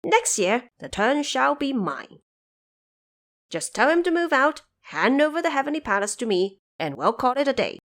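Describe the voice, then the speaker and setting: A woman's voice: high voice, sing-song, normal speed, fairly bright tone, pitched above the performer's own voice. A woman voicing a brash, boastful immortal monkey king with a defiant, declamatory manner in an audio drama. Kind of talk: audio drama character acting.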